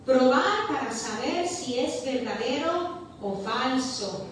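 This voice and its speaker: A woman pastor preaches with passion in a church hall, her high, animated voice drawing out the words she stresses. The echoey recording sounds as if heard from far off and carries a slight hiss or hum.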